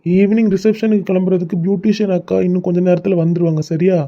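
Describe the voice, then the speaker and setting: A young cartoon groom played by a man with a Kanyakumari Tamil accent, soothing and a bit playful. The voice is pitched high for a man, and the recording is dull and lo-fi. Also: flat delivery, quick pace. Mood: friendly. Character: young newlywed husband, caring and teasing.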